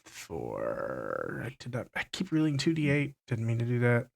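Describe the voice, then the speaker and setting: A man narrating as game master, unhurried and often stumbling over his words. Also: medium pitch, wildly swooping pitch, creaky.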